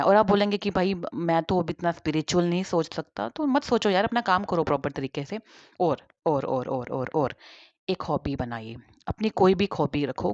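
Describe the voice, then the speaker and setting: A woman's voice: deep voice, darkish tone, no echo. A woman talking informally and directly to her viewers in a casual advice monologue. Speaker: advice vlogger. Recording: dull, dry lo-fi recording.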